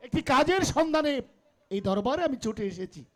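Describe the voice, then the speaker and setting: An actor playing a poor, humble subject in Bengali jatra folk theatre, speaking deferentially. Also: male voice, very high voice, very animated, a little fast.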